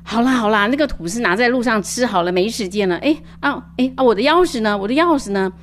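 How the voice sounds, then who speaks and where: A woman's voice: on the high side, animated, slight background noise, natural voice. A woman playing a flustered, hurrying mother. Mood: hurried. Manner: fast, fussing, urging. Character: hurried, flustered young mother. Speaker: storyteller. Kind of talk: picture book reading.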